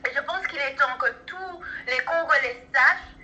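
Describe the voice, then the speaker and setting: A woman's voice: high-pitched, moderate pace, sharp tone, slight background noise. A woman from Rwanda calling in, speaking fervently with stammering repeats as she argues. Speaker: phone-in caller. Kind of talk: impassioned political call-in. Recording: muffled phone line.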